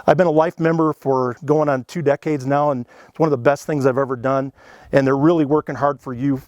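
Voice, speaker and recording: Here the elk calling instructor speaks at medium pitch, steady and fairly quick, with a darkish tone and no room sound. The middle-aged man keeps his lesson casual and folksy, earnestly walking through each step with "you know," "okay," and friendly asides.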